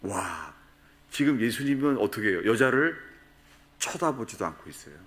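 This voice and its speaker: A man's voice: on the low side, sing-song, moderate pace. A man preaching a sermon at a prayer retreat, asking the congregation questions and acting out quoted voices. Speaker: pastor.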